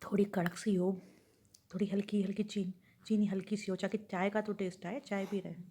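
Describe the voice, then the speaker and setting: Woman vlogger, mid-range voice, chatty home vlog, rambling thoughts out loud to viewers. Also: mid-range voice, little pitch movement, brisk, slight background noise. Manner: rambling, thinking aloud to viewers.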